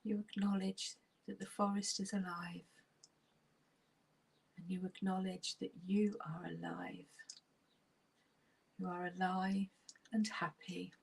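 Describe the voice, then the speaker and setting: Speaking almost in a whisper, a woman with a breathy, husky voice guides a relaxation session. Her delivery is flat and her voice mid-range, and she soothes slowly, letting long pauses settle in.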